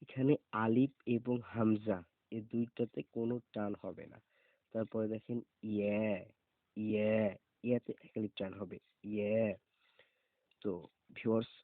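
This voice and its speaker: Slow, flat-voiced man teaching letters. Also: fairly low pitch, no echo. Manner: repeats each letter slowly and deliberately. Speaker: Arabic alphabet teacher. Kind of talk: slow pronunciation lesson. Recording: tinny phone-like sound.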